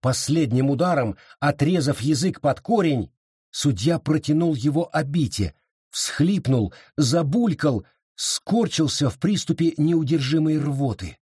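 A man narrating an audiobook in an expressive, dramatic style with a husky voice. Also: a little high, measured pace, no echo, clean studio sound. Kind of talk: scripted narration.

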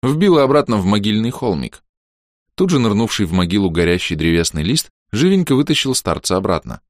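A man reading a first-person audiobook in a lively, ironic manner. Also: fairly low pitch, a little fast, no echo, clean studio sound. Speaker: audiobook narrator.

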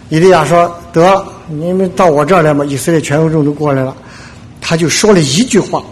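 A man preaching a sermon, retelling a story in lively fashion, acting out the characters and filling pauses with "ah". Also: on the high side, a little hiss or hum. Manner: animated retelling, acts out the characters, frequent filler "ah".

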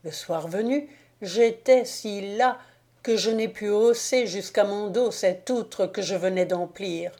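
A woman's voice: mid-range voice, takes it slowly, warm tone. A woman reading an audiobook, voicing a wretched male devil disguised as an old slave who pleads and groans in self-pity. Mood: pleading.

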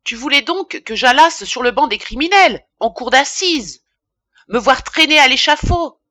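Audiobook figure: woman reader doing an irascible, self-important male pharmacist, loud indignant tirades, bright tone. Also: mid-range voice, expressive, measured pace, no echo, studio quality. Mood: ranting. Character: pompous middle-aged male apothecary, irascible.

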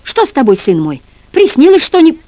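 A woman's voice: sits high, wildly swooping pitch, fairly quick, mellow, no echo, muffled recording, voice pushed up. A woman voicing a bewildered retired officer father, flustered and pleading. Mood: alarmed.

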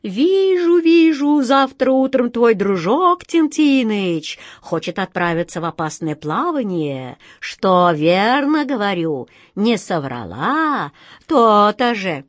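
A woman's voice: fairly low pitch, very animated, slow pace, a bit bright, dry recording, exaggerated voice. A woman voicing a greedy old fortune-teller who fawns and wails over her predictions, storybook style. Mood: wailing. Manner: wailing, fawning and sly.

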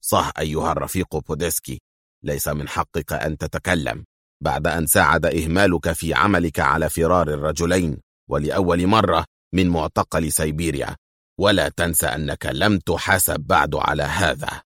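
A man voicing a cunning Soviet officer who speaks quietly, sternly and with cold threat. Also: low-pitched, animated, a little fast, no echo, studio quality. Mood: cold menace.

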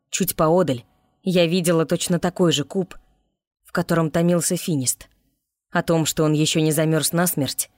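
A woman narrating a fantasy audiobook in first person with an expressive reading. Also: low voice, dry recording, studio quality.

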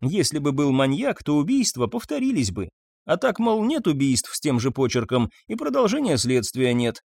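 A man's voice: fairly high pitch, huge pitch swings, normal speed, gravelly, a little mellow, no echo, studio quality, pitched above the performer's own voice, exaggerated voice. A man voicing a shy, earnest young man who speaks hesitantly but firmly.

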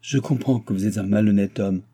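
A man's voice: on the low side, a little fast, mellow, breathy edge. A man voicing a proud, jilted young woman who speaks indignantly and pleads in a read-aloud novel. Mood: exasperated.

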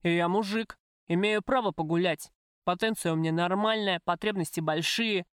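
A woman's voice: lowish voice, moderate pace, smooth, dry recording, studio quality, close to an everyday voice. A woman voicing a coarse, possessive middle-aged male crime boss in an audiobook, crude and wheedling, then threatening. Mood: menacing. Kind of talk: audiobook character voice.

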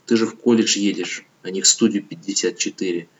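A male audiobook narrator reading the lines of a quiet, anxious teenage girl, hesitant and hushed, on a dull lo-fi recording. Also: deep voice, steady tone, a little fast, natural voice. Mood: pleading.

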